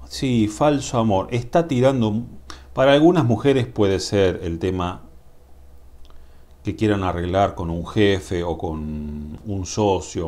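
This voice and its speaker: Rioplatense guy doing a tarot reading, low voice, slow musing talk, keeps going "mm?". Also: darkish tone. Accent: Rioplatense Spanish. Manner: musing, drawn-out, asks "mm?" to the viewer. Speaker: tarot reader. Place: indoors at a table. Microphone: camera above the table, speaker off-screen.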